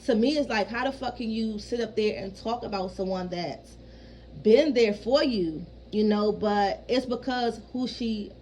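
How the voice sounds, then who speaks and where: In a rough recording with a little hiss or hum, a thirty-something vlogger speaks at a measured pace in a slightly mellow voice on the high side. She's frank and rambling in her casual personal vlog, cursing freely and often asking listeners "you know what I mean".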